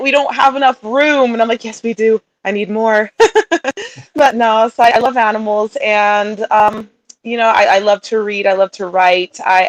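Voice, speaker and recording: A woman in her thirties from Utah, who was also raised in Sweden and England, is a guest and coaching client in a casual interview. She chats warmly about her life, telling stories and laughing often, in a medium-pitched voice over poor audio.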